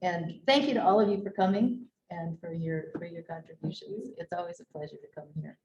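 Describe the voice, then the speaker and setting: A woman with a mellow, slightly low voice leads a casual group discussion. She halts and searches for words as she goes. The recording is a little dull. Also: a little fast. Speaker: book club discussion leader. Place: indoor room at a book club meeting. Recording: dull recording with faint noise.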